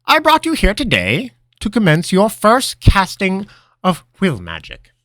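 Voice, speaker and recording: An eccentric old wizard who cackles and booms in a high, swooping voice. He makes grand, theatrical pronouncements with mischief in every word, crisp and close to the mic. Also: huge pitch swings, unhurried, a bit bright, no echo, full character voice. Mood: grand, instructive. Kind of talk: storybook character voice.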